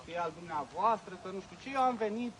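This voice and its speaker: A man's voice: high voice, animated, rough recording. Apologetic man pleading to be left alone. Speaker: press cameraman. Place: outdoors on a street. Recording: outdoor street scene with crowd noise.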